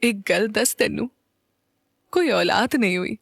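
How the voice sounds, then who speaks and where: A woman voicing an older, lonely aunt with a Punjabi accent, speaking slowly and heavily in an audio story. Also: medium pitch, vocal fry, breathy edge, dry recording, studio quality, exaggerated voice. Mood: sorrowful. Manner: slow, heavy, grieving speech.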